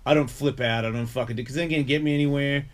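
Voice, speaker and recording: A man's voice: medium pitch, steady tone, racing. A middle-aged man chatting casually as a talk show host, blunt, emphatic and sweary. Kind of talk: casual chat.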